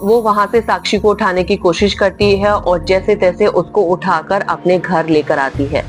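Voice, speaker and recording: A woman narrating a spooky horror story in a dramatic, emphatic way, often stressing how very scary things were. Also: medium pitch. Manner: dramatic, repeats "very much" for emphasis. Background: faint music.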